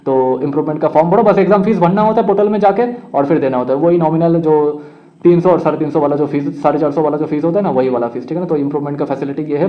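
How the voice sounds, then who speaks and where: Young guy talking fast and a bit high, like a big brother warning students, kinda dull lo-fi audio. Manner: frank, brotherly, keeps asking "ठीक है ना". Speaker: education counsellor. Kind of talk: casual explainer to students. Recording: slightly dull lo-fi sound.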